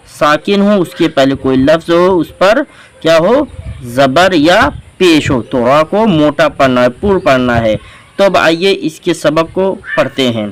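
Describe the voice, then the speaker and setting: A man's voice: a little high, fairly bright tone, rough recording. A man teaching Quran reading, patiently spelling out letters and vowel marks syllable by syllable in a step-by-step lesson. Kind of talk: slow step-by-step recitation lesson.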